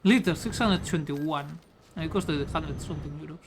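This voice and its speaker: Her voice sits low and her delivery is brisk as this Spanish woman, speaking with a Spanish accent, streams a game and chats crudely. The casual talk is rambling and joking, recorded through a pop-filtered studio mic with background noise.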